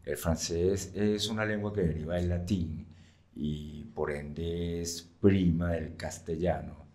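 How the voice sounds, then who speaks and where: A man's voice: low voice, fairly even intonation, takes it slowly, darkish tone. A man who teaches French, explaining patiently in an interview, with frequent fillers and checks like "right?".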